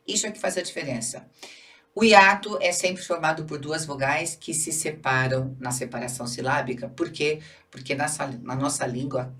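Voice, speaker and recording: A woman's voice: deep voice, fairly bright tone, far from the mic. A Brazilian woman teaching Portuguese for a public exam, explaining step by step, checking in with the listener and stretching syllables to show word stress. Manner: didactic, checks in with "tá bom?" and "certo?". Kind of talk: exam-prep grammar lesson.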